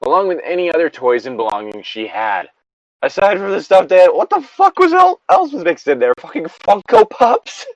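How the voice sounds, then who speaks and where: With a high-pitched, sing-song voice and a fairly quick pace, a man co-hosts a casual story reading. He adds commentary, drifts off on tangents, and swears in exasperation. A dull lo-fi mic captures him.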